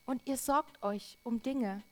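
A woman preaching a sermon, earnest and emphatic, with drawn-out repetitions. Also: on the high side, darkish tone.

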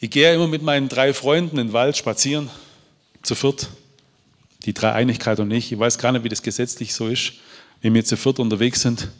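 A man's voice: mid-range voice, fairly even intonation, brisk. Heartfelt male preacher in a reverberant hall. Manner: heartfelt, pleading, with frequent restarts and stammered repeats. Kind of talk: emotional testimony and preaching.

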